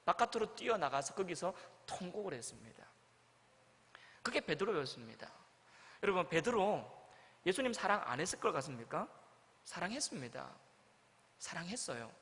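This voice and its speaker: A man's voice: big pitch swings, moderate pace, pauses often, a bit bright. A male pastor preaching a sermon, telling a story and acting out the quoted lines with dramatic swings. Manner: storytelling, acts out quoted lines with big swings in pitch and volume. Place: church sanctuary. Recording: church hall with long reverb.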